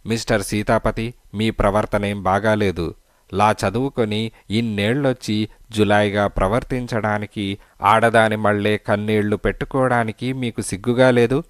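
A man's voice: on the low side, fairly even intonation, moderate pace, no echo, clean studio sound, lightly acted. A man voicing a stern middle-aged police inspector who scolds. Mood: scolding.

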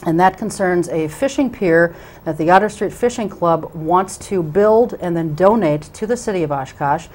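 A middle-aged woman with a lowish, slightly mellow voice hosts a local cable talk show, speaking at a moderate pace into a lapel mic. She introduces her guests with plenty of ums and restarts, working from a small TV studio with a curtain backdrop.

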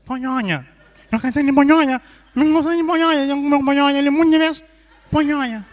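A man's voice: extremely high pitch, fairly even intonation, quick pace, pitched above the performer's own voice. A man with a Cape Verdean accent voicing a nasal-voiced man who keeps pleading to be understood, in a reverberant hall. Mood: insistent.

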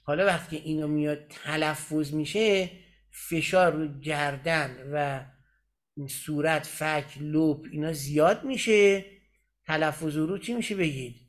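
A man teaching Quran recitation in a class, explaining step by step and often checking that his students have followed. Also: on the high side.

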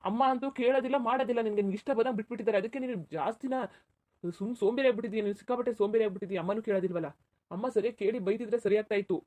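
A woman's voice: on the high side, mellow, close to an everyday voice. A woman voicing an exasperated office-going husband in a cartoon, scolding his wife. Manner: scolding, fast. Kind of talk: cartoon voice acting.

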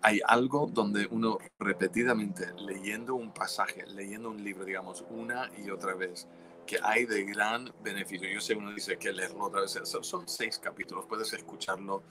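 A man's voice: on the low side, steady tone, normal speed, over music. A man preaching a teaching sermon, earnest and exhorting listeners, often restarting his words mid-sentence. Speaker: pastor.

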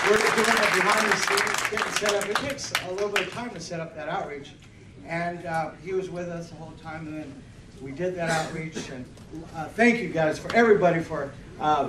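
A man's voice: high voice, very noisy. A man leading a church meeting, chatty and joking as he calls people up to speak. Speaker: church program leader. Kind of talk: casual church meeting talk. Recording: echoey room, distant camera mic.

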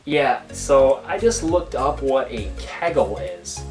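Over loud background music, a young adult vlogger and prank caller talks slowly at a medium pitch, casual and deadpan as he wanders from point to point. The setting is a small room at home, and the camera mic, a few feet off, picks up plenty of room echo.

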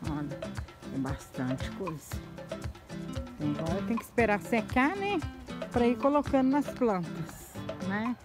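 A woman's voice: mid-range voice, sing-song, unhurried, long pauses. A Brazilian woman vlogging outdoors on a farm, talking chattily to the camera, exclaiming and laughing often. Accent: Brazilian Portuguese. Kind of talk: casual vlog narration. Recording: music playing under the voice.

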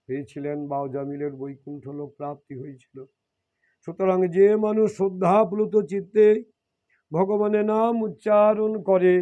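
A man reading devotional scripture and explaining it, often repeating and rephrasing his points. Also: sits high. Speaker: scripture reader and preacher. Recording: dull lo-fi recording.

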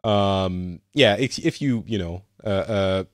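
A man's voice: low-pitched, slow pace, dry recording, clean studio sound. A man from France hosting a casual news podcast, talking with lots of fillers and restarts. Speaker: host.

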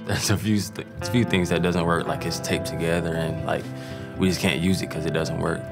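A man speaking informally and haltingly about broken gym machines. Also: deep voice, fairly even intonation, vocal fry. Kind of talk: documentary interview. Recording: background music under the voice.

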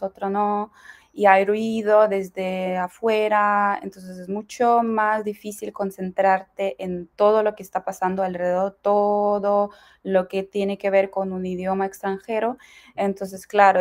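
A young woman from Ukraine speaks with a Mexican Spanish accent as an interview guest, at a middle pitch. She chats easily, laughs often and breaks off words to restart them. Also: a little mellow. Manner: chatty, laughs often, restarts mid-word. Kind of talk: casual interview chat.

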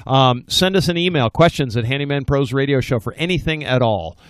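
A man co-hosting a home improvement talk show, chatty and joking with his partner. His voice is at a medium pitch and sounds dry and close, with almost no room around it. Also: expressive, fairly quick, no room sound. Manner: jokey, chatty. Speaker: co-host. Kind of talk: casual chat.

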